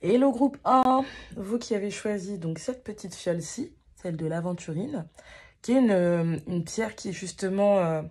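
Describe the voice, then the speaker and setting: A woman's voice: medium pitch, normal speed, darkish tone, breathy edge. A woman giving a casual tarot card reading to her viewers, talking hesitantly with many fillers and restarts and poking fun at herself.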